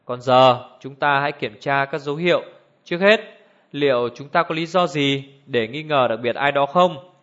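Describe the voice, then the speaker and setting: A man voicing an elderly male judge who speaks in a cold, clear, measured way, on a dull lo-fi recording. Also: mid-range voice, a bit bright, close to an everyday voice. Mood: cold, deliberate. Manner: measured, icy authority.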